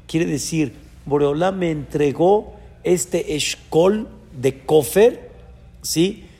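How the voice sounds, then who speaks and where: A man teaching as a rabbi, giving a Torah lesson in a lively way that swings between loud emphasis and soft asides. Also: a little high, gravelly, breathy edge. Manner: chants short verses in the original text. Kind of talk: Torah lesson on a biblical text. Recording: reverberant hall with faint background noise.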